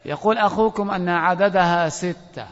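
A man with a high voice teaches a grammar lesson, calling on students one by one and quizzing them. He drags out key words when he warns or stresses a point. The recording is muffled and lo-fi, with long reverb from a big hall. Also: normal speed. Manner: questions students directly, stretches words for emphasis. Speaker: sheikh teaching a grammar course. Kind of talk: classroom lesson with oral quizzing. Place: lecture hall.

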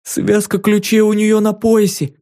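A sobbing little girl locked in a cage pleads for rescue in a high, trembling voice, as a male storyteller puts her on. The tone sits on the mellow, dark side and the delivery is urgent and tearful, as in an audiobook for children. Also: monotone, measured pace. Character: frightened little girl captive, about nine.

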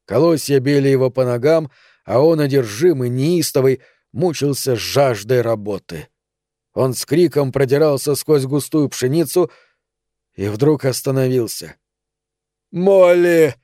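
A man narrating a literary story in a measured, dramatic way with long pauses. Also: mid-range voice, mellow, no echo, studio quality. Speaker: audiobook narrator.

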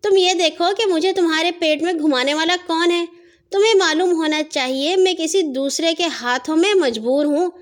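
Wise gentle female key with a high bright voice, soft and patient, children's story, a woman doing it. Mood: coaxing.

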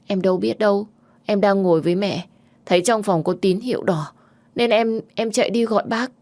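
A woman's voice: medium pitch, a little fast, darkish tone, pitched above the performer's own voice, lightly acted. Woman doing a panicked little sister. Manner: breathless, stumbling panicked speech.

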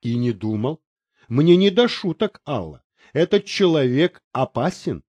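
A man reading the part of a weary, stubborn male writer in an audiobook, calm and firm. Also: on the high side, a little slow, slightly rough, no echo, dull audio, pitched below the performer's own voice, exaggerated voice.

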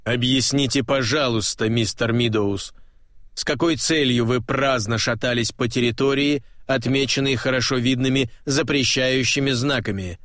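A man reading an audiobook, voicing a curt security robot in a patrol van with a flat, toneless metallic voice. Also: medium pitch, moderate pace, dry recording, clean studio sound, natural voice. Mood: interrogating. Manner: curt, clipped interrogation.

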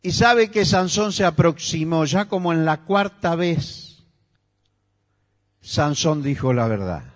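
High-voiced Rioplatense pastor preaching emphatically. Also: male voice, lively intonation, takes it slowly. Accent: Rioplatense Spanish. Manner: emphatic preaching, rising to near-shouts. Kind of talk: sermon. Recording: echoey church hall.

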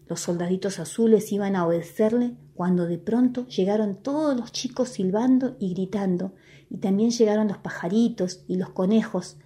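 A woman reading a children's story aloud in a lively, expressive way. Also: medium pitch.

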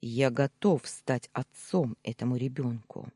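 Young man pleading read by a narrator; husky, slow, animated delivery, dry booth. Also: medium pitch, no room sound. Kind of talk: audiobook character reading.

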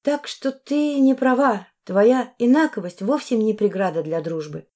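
A woman narrator puts on a startled young half-mermaid with a raised, wondering voice. The tone stays soft and mellow. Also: on the high side, measured pace, pitched above the performer's own voice, close to an everyday voice. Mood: earnest.

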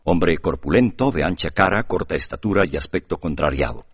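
Deep husky male audiobook narrator. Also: lively intonation, fairly quick, no room sound. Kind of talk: scripted narration. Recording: dull lo-fi audiobook recording.

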